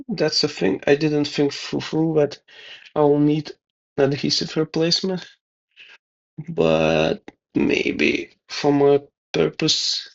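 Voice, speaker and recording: Guy mumbling thru a repair, slow and flat, gravelly, kinda dull lo-fi sound. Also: fairly high pitch. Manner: mumbling, thinking aloud with pauses and fillers. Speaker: DIY video maker. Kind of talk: casual narration over hands-on repair.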